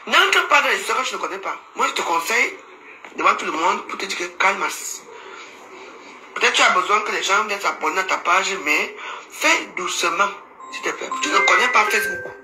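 A woman holds forth on a phone live stream, mocking and lecturing in turn and often laughing. Her voice is very bright and cutting. The room gives a clear echo, with faint noise behind. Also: mid-range voice, lively intonation, a little fast. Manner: teasing, mocking, laughs often, scolding asides. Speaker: social media commentator. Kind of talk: casual Facebook live commentary.

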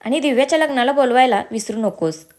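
A woman voicing a calm, reassuring young police officer in a storybook reading. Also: sits high, quick pace, close to an everyday voice.

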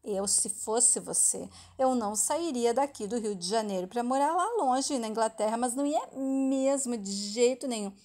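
A woman's voice: fairly high pitch, moderate pace, hardly any pauses, dark tone, natural voice. A woman with a Brazilian Portuguese accent reads a scheming woman's lines as she persuades a little boy, pressing her points with insistent, dramatic stress. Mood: coaxing.

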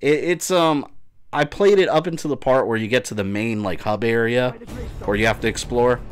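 Over game music and gunfire, a Puerto Rican man with a mid-range voice provides live commentary on his gameplay at a moderate pace. He chats casually and swears as he streams.

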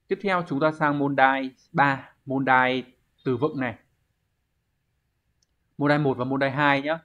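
A man's mid-range, slightly bright voice carries a Vietnamese accent as he teaches for a Japanese exam. Answer by answer, he lays out the reasoning in steps and raises questions to himself. The audio is dull and lo-fi.

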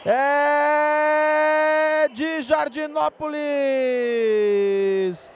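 A man with a Brazilian accent giving explosive live futsal goal commentary, shouting his goal calls and stretching out the words. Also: very high voice, fairly even intonation, very slow. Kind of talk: live play-by-play sports commentary. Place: indoor futsal gym. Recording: noisy sports hall ambience.

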